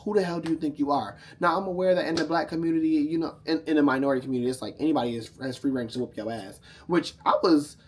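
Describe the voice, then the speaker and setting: A man's voice: a little high, fast talker, hardly any pauses, a little hiss or hum. A tipsy man telling a casual, profane story to camera, sassy and rambling, often losing his thread. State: drunk, tipsy.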